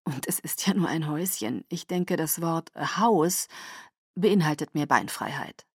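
Quiet young man, dry and low, softly teasing, as read by a woman. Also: expressive, unhurried, breathy edge, no echo, exaggerated voice. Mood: gently teasing.

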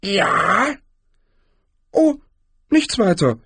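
A naive, cheerful male tourist from a storybook, eager and chirpy, raised high above the reader's own voice, as a male narrator puts him on. The tone is husky and close, with a lively bounce. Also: measured pace, dry recording, exaggerated voice. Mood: timid.

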